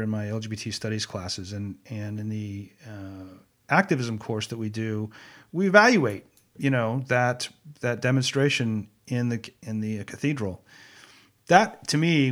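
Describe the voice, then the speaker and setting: A man interviewing a guest who teaches courses, talking conversationally with halting restarts. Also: mid-range voice. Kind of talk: interview questions.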